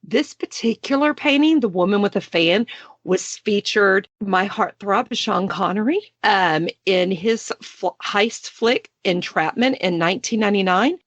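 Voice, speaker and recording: A Texan woman in her late forties hosts a podcast in a chatty, playful, self-deprecating way, with a Texan accent. Her medium-pitched voice runs a little slow, and there is no echo.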